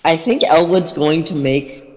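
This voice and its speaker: Slow-paced, higher-voiced man in a reverberant space. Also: music in the background. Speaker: tabletop game player. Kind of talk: casual joking game chat. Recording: long hall-like reverb.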